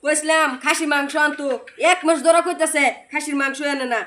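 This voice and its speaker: A woman's voice: little pitch movement, brisk, sharp tone. A woman voicing a sulky young son who demands goat meat, in a village comedy sketch. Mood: whining. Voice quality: high and whiny.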